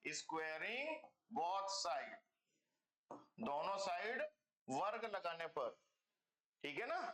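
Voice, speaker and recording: In an echoey room, a man with a high, slightly bright voice teaches an online math class. He explains things step by step, keeps checking on his students, and calls them kids, using "beta" and "bachcho".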